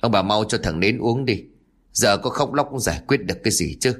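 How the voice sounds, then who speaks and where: A stern old village exorcist, as a male storyteller puts him on, gruff and commanding, giving orders in a low voice that rises and falls freely. He sounds like a figure from a spoken ghost story. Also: animated, fairly quick, fairly bright tone.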